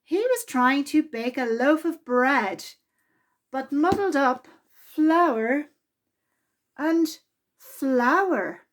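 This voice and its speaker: The reader is a woman whose voice sits high, reading a children's storybook for storytime. Her pacing is careful and her tone animated, just right for young ears.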